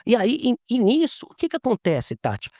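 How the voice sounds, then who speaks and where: A man's voice: very high-pitched, fairly quick, no room sound, studio quality. A man, a lawyer being interviewed, telling stories casually and acting out the dialogue as he goes. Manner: animated, acts out quoted dialogue.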